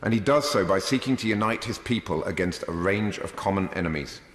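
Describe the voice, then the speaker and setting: A British man giving a formal parliament speech as a member, measured, rhetorical and emphatic in delivery. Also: low voice, expressive, slight background noise. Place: large debating chamber. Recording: echoey hall, long reverb.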